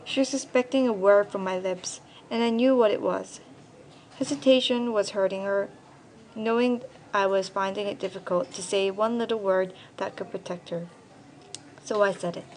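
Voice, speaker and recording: A woman's voice: medium pitch, darkish tone, a little hiss or hum, rough recording. A young teenage girl from Korea reading her own personal essay aloud, in a careful, earnest storytelling manner. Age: young teen. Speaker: student essayist.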